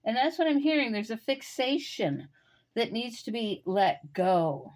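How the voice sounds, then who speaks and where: A woman giving an intuitive tarot reading, musing and talking straight to the listener with pauses and fillers. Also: on the high side, big pitch swings, darkish tone. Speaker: tarot reader.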